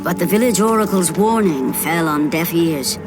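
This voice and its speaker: Low-voiced, solemn woman narrator in a game. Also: expressive, normal speed, close to an everyday voice. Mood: grave. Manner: solemn, portentous. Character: grave, solemn female storyteller of a mythic tragedy. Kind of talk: dramatic scripted game cutscene narration. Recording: loud music behind the voice.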